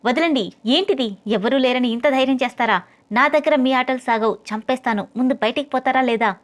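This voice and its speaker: A woman voicing a proud, fiery young woman, a rich man's daughter, who fires back sharp, indignant retorts in an audio novel. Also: high voice, brisk, close to an everyday voice. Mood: angry.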